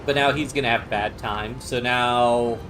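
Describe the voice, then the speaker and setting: A man streaming a game, chatting casually and thinking out loud about his moves, with game music behind. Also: medium pitch, steady tone, a little slow. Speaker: gaming streamer. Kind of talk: casual gameplay commentary.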